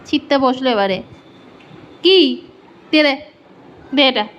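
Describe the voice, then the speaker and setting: A woman's voice: high-pitched, lively intonation, slow pace, fairly bright tone. A woman, talking casually to her dog and urging it again and again to fetch. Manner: coaxing, repeats commands to the dog. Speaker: dog owner filming her pet. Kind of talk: casual talk to a dog and viewers. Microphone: phone held in hand.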